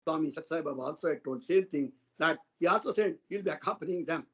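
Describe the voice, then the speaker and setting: A man gives a devotional satsang talk, earnestly retelling stories of saints in a loose, flowing style. His husky voice is fairly high and fairly bright, and he speaks quickly. The online satsang audio is dull and lo-fi.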